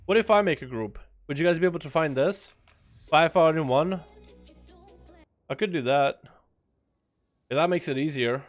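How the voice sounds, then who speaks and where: A young Russian man with a slight Russian accent streams a game, joking loosely with his viewers in casual livestream chat. His voice sits fairly high and moves at normal speed with long pauses, while faint music plays behind him.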